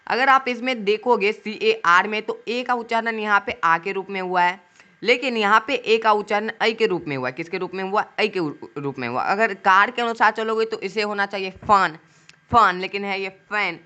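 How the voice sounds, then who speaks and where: A man's voice: sits high, normal speed, bright, forceful tone. A male teacher, giving an English pronunciation lesson. He asks a question about each key word and answers it himself. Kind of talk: classroom-style video lesson.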